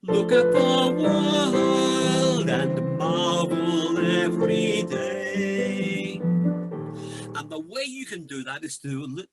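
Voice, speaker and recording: A man, slightly croaky, leading a choir rehearsal, chatting, joking and singing short phrases to show how. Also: on the high side. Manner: chatty, encouraging, joking asides, sings demonstration phrases. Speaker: choir director. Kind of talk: online choir rehearsal coaching. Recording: piano music loud behind voice. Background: piano.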